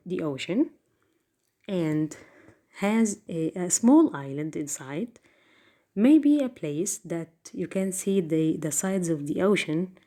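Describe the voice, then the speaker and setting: A woman's voice: lowish voice, mellow. A woman teaching an English vocabulary lesson, hesitant and full of fillers, repeating each new word. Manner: slow, halting, many fillers, repeats words.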